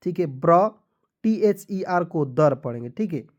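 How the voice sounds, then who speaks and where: A man's voice: fairly high pitch, lively intonation, a little slow, a little mellow, highs cut off. A man giving a spoken lesson for beginners, asking questions and answering them himself while spelling words letter by letter. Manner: patient, repetitive explaining. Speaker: English teacher.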